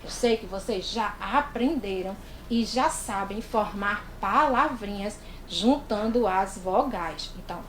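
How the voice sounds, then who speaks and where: Brazilian woman teacher for little kids, slow and drawn out, room echo. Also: medium pitch, fairly bright tone, a little hiss or hum. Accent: Brazilian Portuguese. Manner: slow, sing-song, exaggerated for small children. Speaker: primary school teacher. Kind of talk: online literacy lesson for young children. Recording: echoey room.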